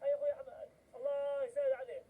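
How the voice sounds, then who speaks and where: High-pitched young Gazan boy, very fast. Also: level tone, narrow, tinny audio. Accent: Gazan Palestinian. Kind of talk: emotional street interview.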